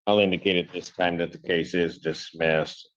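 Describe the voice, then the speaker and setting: A man's voice: low-pitched, steady tone, normal speed, dull audio. A man speaking as a judge in a courtroom recording, handling cases with formal rulings and informal asides. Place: courtroom with video link.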